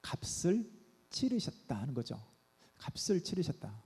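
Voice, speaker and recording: A man's voice: a little high, big pitch swings, a little slow, a little mellow, slightly rough. A middle-aged male pastor preaching a midweek sermon, asking the congregation questions and coaxing them with playful asides. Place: church sanctuary. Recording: long reverb of a church hall.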